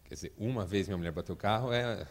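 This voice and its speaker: A man's voice: lowish voice, quick pace, in a large hall, a little hiss or hum. A man with a Brazilian Portuguese accent, a motivational speaker telling stories to an audience with joking asides. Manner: lively storyteller with joking asides. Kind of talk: storytelling talk to an audience.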